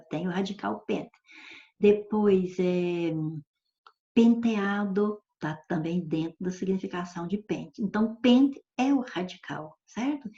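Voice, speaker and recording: A woman's voice: medium pitch, mellow. A woman teacher, explaining grammar in a patient classroom lecture and often checking that students follow. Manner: patient, checks understanding with frequent questions. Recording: dull lo-fi recording.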